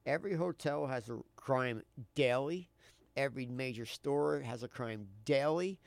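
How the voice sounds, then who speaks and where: A man's voice: mid-range voice, measured pace, gravelly, dry recording. A male co-host in casual chat and storytelling, emphatic and often repeating himself. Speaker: show co-host.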